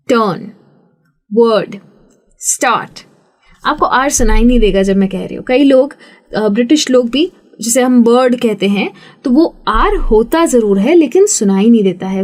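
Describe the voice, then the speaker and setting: A woman teaching a spoken English lesson, explaining rules patiently and demonstrating words slowly. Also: a little high.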